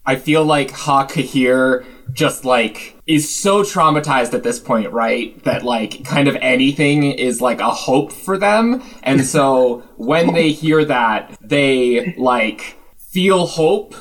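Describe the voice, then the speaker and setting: A man's voice: mid-range voice, animated, takes it slowly, a bit bright. A man playing a tabletop game, thinking aloud with hesitant fillers. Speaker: player. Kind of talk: casual game chat.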